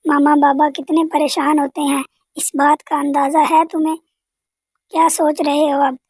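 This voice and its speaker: A woman's voice: sits high, flat delivery, moderate pace, a little mellow, dry recording, studio quality, close to an everyday voice. A woman doing an earnest cartoon boy's friend. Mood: admonishing. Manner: earnest, admonishing. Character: earnest young boy friend giving advice.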